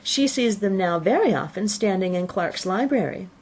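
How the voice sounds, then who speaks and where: A woman's voice: mid-range voice, lively intonation, moderate pace, darkish tone, slight background noise, close to an everyday voice. A woman voicing a giddy, bold teenage daughter in a classic novel, breezy and chattering. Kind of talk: audiobook character reading.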